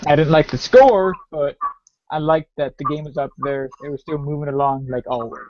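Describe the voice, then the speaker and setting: A man's voice: a little high, normal speed, darkish tone, no echo. A man co-hosting a podcast in casual chat, dropping dry, wry asides. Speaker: podcast co-host. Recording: dry, dull lo-fi podcast audio.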